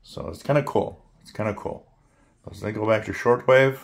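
A man giving a casual hands-on gadget demonstration as a reviewer, thinking aloud in halting short phrases. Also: fairly low pitch, creaky. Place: indoors at a wooden table.

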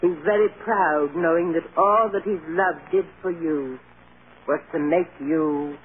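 In a tinny, hissy old radio recording styled after 1940s drama, an actress voices a stern, loving elderly grandmother. Her voice is on the low side with a measured pace, and her firm, earnest performance is lightly acted.

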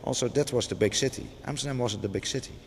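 Here a middle-aged museum curator talks fast in a medium-pitched voice, giving an unscripted interview in a large gallery. He hesitates, restarting often and leaning on fillers. The recording carries long gallery reverb and faint background noise.

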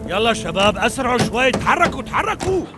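Dub role: a frantic Levantine rescuer, high and urgent. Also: male voice, sing-song, quick pace, music in the background. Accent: Levantine Arabic. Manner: urgent, shouting orders, soothing in between. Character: frantic man taking charge at a fire scene. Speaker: dubbing actor.

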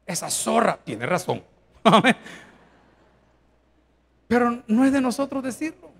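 A man preaching a sermon as pastor, firing rhetorical questions and swinging from hushed to shouting. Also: very high-pitched, very animated, slow pace, vocal fry.

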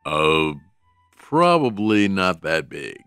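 A man voicing a big, gruff but patient guard dog with a deadpan, weary manner in a comic dub. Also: deep voice, slow, dry recording, soft background music, exaggerated voice.

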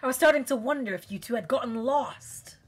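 A woman voicing a cheerful male British schoolteacher in a put-on British accent, bright and overly friendly, with a husky voice. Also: high voice, fairly quick, pitched above the performer's own voice. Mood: sunny.

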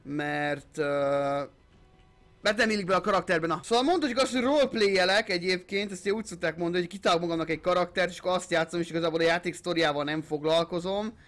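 This young man commentates his gameplay with a high voice, hyping himself up and dropping curses. He throws English gamer phrases into his talk and gets loud in fights. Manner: excitable, swearing, hyped-up shouting. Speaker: gaming channel host. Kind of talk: let's play commentary.

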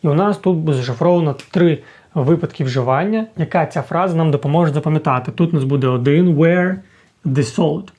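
A man teaching an English lesson, patiently explaining and repeating sounds slowly to demonstrate them. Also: on the high side, a little mellow.

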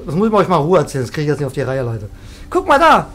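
A woman live-streaming a video game, chatting excitably with viewers and often trailing off and restarting. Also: low voice, very fast. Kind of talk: casual live-stream chat while gaming.

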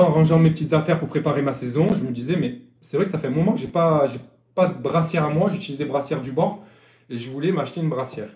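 A sailing coach with a Marseille French accent chats loosely through a live-stream lesson, often repeating and restarting his phrases. His voice is a little high and a little mellow, picked up by a phone or webcam in an echoey room.

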